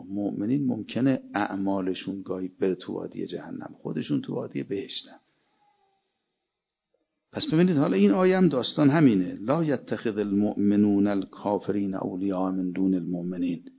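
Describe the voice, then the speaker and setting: Low husky male preacher giving a sermon, recites arabic verses, dull lo-fi recording. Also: dark tone. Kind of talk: religious sermon.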